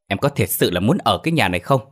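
A man's voice: on the low side, lively intonation, moderate pace, husky. A man doing a stern, reproachful husband. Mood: bitter reproachful. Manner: reproachful, clipped, scolding. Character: stern young husband, angry but holding back.

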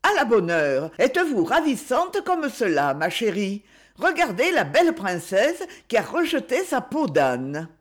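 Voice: medium pitch, wildly swooping pitch, unhurried. A reader putting on a gushing young society girl. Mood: delighted.

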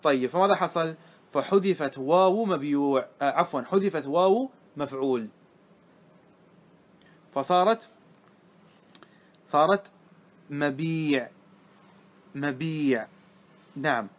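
High-voiced male grammar teacher. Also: a little slow, long pauses. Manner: explains step by step, often checking understanding with the class. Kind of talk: classroom lesson on grammar.

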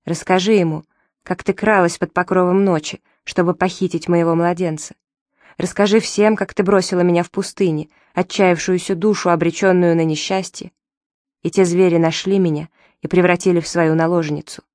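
A woman's voice: on the low side, steady tone, normal speed, darkish tone, no echo, studio quality, close to an everyday voice. A woman reading the part of a wronged mother who accuses her betrayer with anguish. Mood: accusing.

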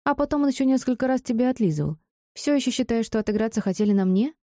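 A woman voicing a brash, foul-mouthed young female student with a sharp, mocking manner, in an audiobook. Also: a little high, animated, fast talker, no room sound, studio quality, pitched above the performer's own voice, close to an everyday voice. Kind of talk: audiobook character voice.

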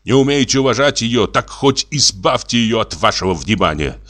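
A man's voice: medium pitch, expressive, normal speed, a bit bright, pitched above the performer's own voice. A man reading the part of a bitter, furious middle-aged country doctor, harsh and biting, clipping every word.

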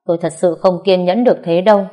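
A curt, impatient man in a spoken story, read by a woman in only a lightly changed voice. The tone is dark and mellow and the delivery clipped. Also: fairly low pitch, fairly even intonation, quick pace, natural voice. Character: impatient man, boy's father.

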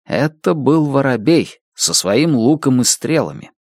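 A man reading an audiobook in a measured storytelling manner. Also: medium pitch, sing-song, no room sound, studio quality. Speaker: audiobook narrator. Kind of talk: scripted narration.

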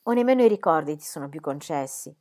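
A bold young female flute player voiced by a woman reader speaks in a firm, steady way. Her voice is slightly low. This is an audiobook reading. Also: fast. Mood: earnest.

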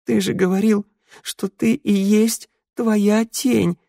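A male narrator voicing a timid young woman who speaks in a crying, high voice. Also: fairly even intonation, takes it slowly, creaky, dark tone, full character voice. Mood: tearful.

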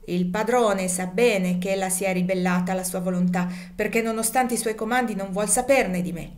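A woman's voice: medium pitch, a little fast, slight background noise, natural voice. Sambo, a spiteful fawning overseer, as a woman puts him on. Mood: sneering.

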